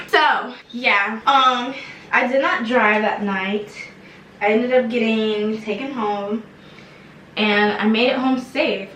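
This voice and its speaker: A young woman telling a casual storytime, animated and slangy with lots of fillers. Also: a little high, slight background noise. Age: young adult. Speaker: vlogger. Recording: echoey room, mic some distance off.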